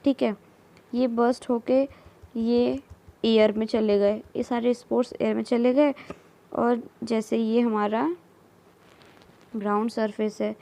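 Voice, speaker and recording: Woman, biology teacher, unhurried and soft-toned, repeats each term while sketching. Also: on the high side, steady tone, vocal fry. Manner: slow, repeats terms, mixes English terms into Hindi, frequent "theek hai". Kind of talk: explaining while drawing diagrams.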